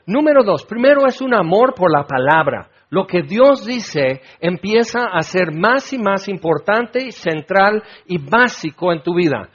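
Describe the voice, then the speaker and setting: A man's voice: high voice, muffled recording. A man preaching a sermon in a folksy, joking way, slipping into the voices of the people in his story.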